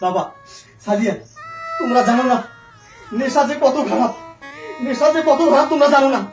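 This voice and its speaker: A man's voice: very high-pitched, animated, a little fast. An actor playing a young husband wrecked by drug addiction, who keeps pleading and sobbing and repeats his words over and over. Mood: craving, desperate. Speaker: addicted husband in a short film. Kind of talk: melodramatic short-film acting. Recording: echoey, mic far off, music underneath.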